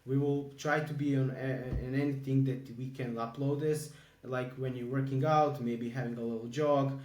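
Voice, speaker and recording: Croatian-raised man co-hosting a podcast, halting speech full of fillers, echoey room, somewhat distant mic. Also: medium pitch, steady tone, darkish tone. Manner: halting, many filler ums and restarts. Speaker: podcast co-host. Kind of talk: casual podcast chat.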